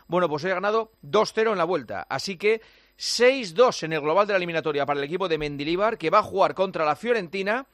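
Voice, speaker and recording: Higher-voiced Spanish male sports radio host. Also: a bit bright, dry recording, clean studio sound. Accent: Spain. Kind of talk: conversational sports round-up and banter.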